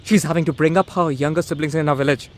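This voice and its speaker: An actor playing an earnest, lovestruck young son of a rich family in a radio drama. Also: male voice, fairly high pitch, fairly even intonation, fast talker, natural voice. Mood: earnest, defiant. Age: young adult. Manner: earnest, defiant.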